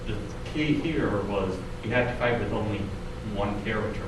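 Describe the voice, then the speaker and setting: A man's voice: lowish voice, moderate pace. A man co-hosting a video game retrospective in casual chat. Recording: very echoey room, distant mic, noisy.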